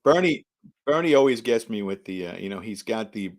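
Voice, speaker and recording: A man's voice: on the low side, animated, a little fast. A man co-hosting a political podcast, chatting in a dry, conversational way. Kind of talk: casual political talk.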